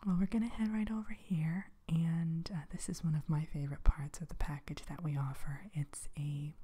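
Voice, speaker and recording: A woman whispering softly and soothingly as a spa receptionist in an ASMR roleplay, with gentle hesitant pauses. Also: deep voice, steady tone. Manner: soft unvoiced whisper, slow and soothing.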